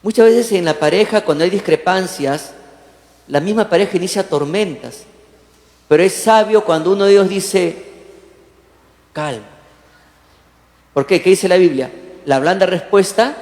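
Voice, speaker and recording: A man preaching a lively sermon as pastor, often asking the congregation questions and acting out the quotes he tells. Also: sits high, normal speed. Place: church hall. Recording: echoey church hall, long reverb.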